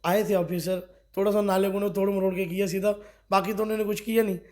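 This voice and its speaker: A man's voice: sits high, level tone, quick pace, a little mellow. A middle-aged man from Kathua, a district party official, giving a local news interview and pressing his complaints with rhetorical questions. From Kathua, Jammu and Kashmir.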